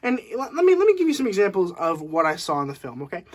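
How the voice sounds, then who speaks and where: A young man at home giving a casual, animated movie review, laughing often and using lots of fillers. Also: sits high, quick pace. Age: young adult. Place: room at home.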